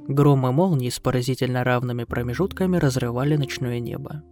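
A man's voice: mid-range voice, fairly even intonation, a little fast, a little mellow. A man reading a scripted horror story as its narrator. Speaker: narrator of bedtime horror stories. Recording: music behind the voice. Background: instrumental music.

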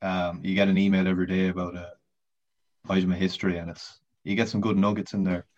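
A man's voice: low voice, flat delivery, fast talker, a little mellow. A man speaks as a podcast guest in casual chat, telling a rambling story with swearing and frequent laughter. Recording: dull lo-fi podcast audio.

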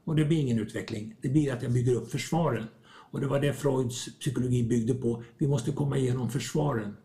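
A man's voice: mid-range voice, mellow. A man talking as a podcast guest, reflective, often acting out small dialogues as he explains. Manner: reflective, acts out little dialogues. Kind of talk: conversational podcast talk.

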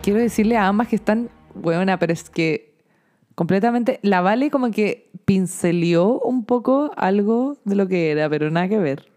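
A woman's voice: mid-range voice, expressive, moderate pace, mellow, faint music behind. A young Chilean woman co-hosting a casual chat, playful and teasing, swearing casually. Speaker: podcast co-host.

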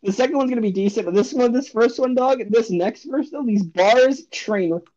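A man's voice: very high voice, moderate pace, a little mellow. A young man co-hosting a casual home podcast, rambling and swearing freely. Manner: rambling, swears often, playful. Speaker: podcast co-host. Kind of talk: casual chat. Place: bedroom at home. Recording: dull lo-fi home recording.

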